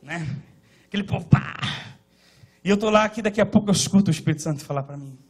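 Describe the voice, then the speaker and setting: A man from Northeast Brazil with a Northeastern Brazilian accent, preaching a sermon at a church service, moving between loud shouting and quiet storytelling. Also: high-pitched, very fast. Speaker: pastor.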